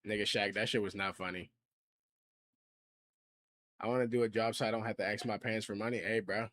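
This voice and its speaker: A man's voice: fairly low pitch, fairly even intonation, a little fast, fairly bright tone. Slangy young man chatting on stream. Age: 20s. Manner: slangy, reacts to and reads out viewer chat. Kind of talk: casual livestream chat.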